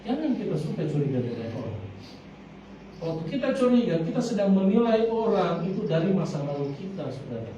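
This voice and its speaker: A man's voice: sits high, sing-song, a little fast, warm tone, lo-fi sound. A man preaches an emphatic sermon, repeatedly calling out to his congregation. He sounds set back from the microphone in a large church hall full of heavy echo. A faint hiss of noise runs beneath his words. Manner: emphatic, repeatedly addresses the congregation as brothers and sisters. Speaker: pastor. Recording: very echoey hall, mic far off, faint noise.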